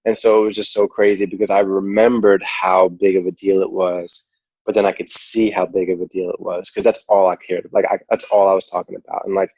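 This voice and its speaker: A man with a New York accent tells his story in a loose, rambling way, leaning on "like" and "you know." His voice sits very low. The recording is dry and a little muffled. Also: fairly quick, slightly rough, no room sound. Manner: relaxed, rambling, heavy use of "like" and "you know". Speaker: podcast guest. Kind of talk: casual interview storytelling. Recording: dull lo-fi audio.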